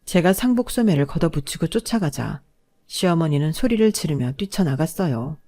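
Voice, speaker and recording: A woman narrating a scripted story in an even, storytelling way. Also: deep voice.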